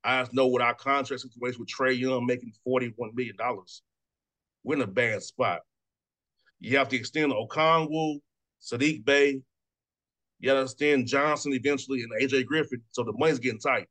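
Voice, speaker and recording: A man in his thirties hosts a sports radio interview in a loose, chatty way. He talks quickly, doubles up on words and breaks into laughs, with a voice in an ordinary middle pitch. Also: fairly even intonation, fairly bright tone. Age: 30s. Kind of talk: casual sports talk interview.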